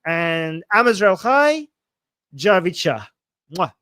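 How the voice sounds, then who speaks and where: A man in his forties hosts a casual livestream in a high, bright voice that's forceful, clear, and resonant, speaking slowly with big pitch swings. He reads chat comments aloud, reacting with playful chuckles and frequent repetition. The audio is clean studio sound with no room sound.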